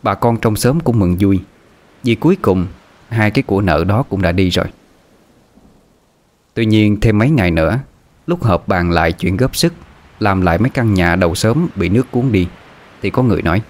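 A man narrating a ghost story in a steady, somber way. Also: lowish voice, normal speed, long pauses. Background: rain and soft music.

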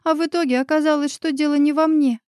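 A heartbroken young woman on the edge of tears, voiced by a female narrator, speaking in a raised, soft-edged tone. The sound is close and dry. She sobs between her words, resigned and bitter. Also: high-pitched, fairly even intonation, quick pace, no echo, voice pushed up, close to an everyday voice. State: sobbing.

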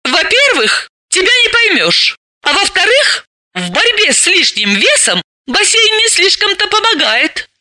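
A man voicing an excitable, touchy young woman who talks in high, indignant exclamations. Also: a little slow, heavily acted.

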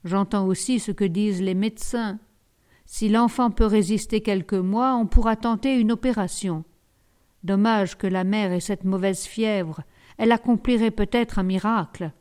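A woman narrating a novel in the first person as an audiobook, in a measured, sober way. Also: mid-range voice, a little mellow, clear, resonant tone.

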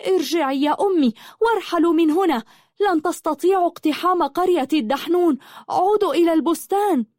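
A woman voicing a furious young woman who shouts high and loud in a dry, close recording. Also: fast talker, no room sound. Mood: fierce.

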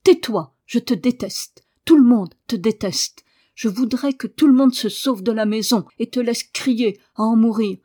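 A woman reading an audiobook voices a fierce, bossy little girl who shouts and insists, repeating her words. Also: high voice, moderate pace, voice pushed up, lightly acted. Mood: furious.

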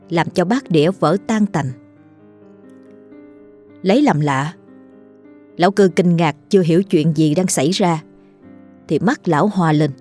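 Woman reading a spooky story, low husky voice, calm and hushed. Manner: steady, hushed late-night storytelling. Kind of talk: scripted ghost story narration.

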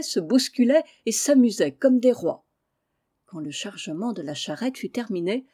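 A woman reading a children's novel aloud in a measured, clear way. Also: mid-range voice, dark tone. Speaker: reader. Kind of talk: storybook narration.

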